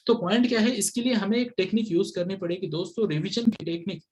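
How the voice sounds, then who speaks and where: Over a video call, a man coaches parents on study habits, speaking Hindi sprinkled with English. His voice is high, a little mellow, and fast, and he constantly asks listeners to answer yes or no.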